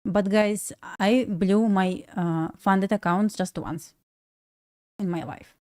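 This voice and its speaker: With a Russian accent from her native language, a young Belarusian woman chats casually with viewers during a trading livestream, laughing frequently and restarting in halting bursts. She speaks at a medium pitch with fairly steady intonation and a touch of mellowness.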